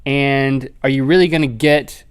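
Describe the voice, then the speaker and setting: A man co-hosting a comedic talk show, joking with quick asides and pitching a sponsor. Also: clean tone. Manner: jokey, animated, fast asides. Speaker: co-host. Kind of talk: casual comedic chat.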